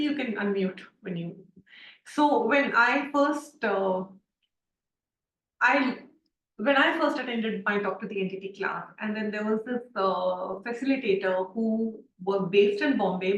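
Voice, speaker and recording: A woman's voice: medium pitch, distant mic. A woman teaching an online class, telling stories with lots of fillers, heard over a video call. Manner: chatty storytelling with many fillers. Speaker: class facilitator. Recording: roomy, off-mic video call.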